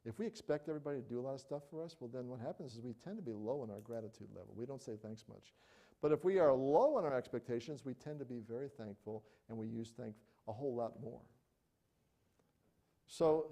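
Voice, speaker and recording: A middle-aged man preaching a sermon in a conversational, animated way, acting out little everyday examples. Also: mid-range voice. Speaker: pastor.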